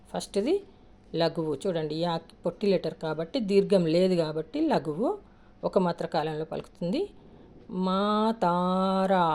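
Patient woman teacher with a dark voice. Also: fairly low pitch. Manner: patient, repeats and counts syllables aloud; asks questions then answers them herself. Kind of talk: explaining a lesson step by step.

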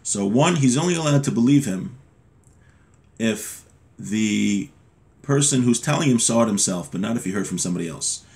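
This man, in his thirties, teaches religious law informally from a small bookshelf-lined room at home, reading passages and explaining each step. His voice sits on the low side with a darkish tone, lively intonation, vocal fry and a moderate pace.

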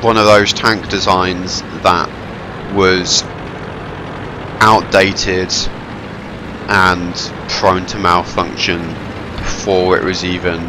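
A young gameplay commentator with a stuffy head cold speaks slowly in a low, level voice, leaving long pauses. His casual tank-game commentary is rambling, wry and self-deprecating, set against background noise, gunfire and engine sounds.

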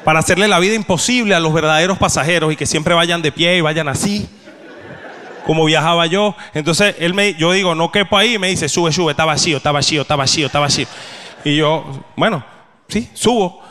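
A young adult man with a Venezuelan Spanish accent performing a stand-up comedy set, telling deadpan stories and acting out the voices of the people he meets. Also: sits high, normal speed. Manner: deadpan storytelling, acts out quoted voices. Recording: long hall reverb.

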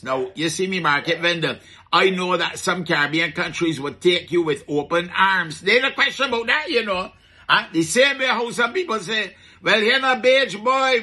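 Husky high-voiced Barbadian man joking. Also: pushed and bright. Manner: chatty, rhetorical questions, dialect phrases, chuckling asides. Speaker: radio comedy commentator in a market vendor persona. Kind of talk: comic folksy commentary.

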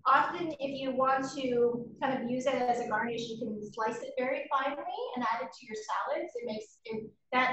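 High-voiced woman teaching from across a kitchen. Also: muffled recording. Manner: chatty, explains with frequent ums and rightss. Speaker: cooking class host. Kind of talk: live online cooking demonstration. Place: home kitchen, indoors. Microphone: laptop camera mic across the kitchen. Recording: roomy kitchen echo from far off, faint noise.

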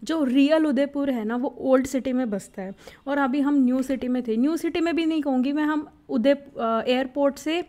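A young woman narrating her first flight as a travel vlogger, excited and reflective, mixing in English words. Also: high voice, moderate pace.

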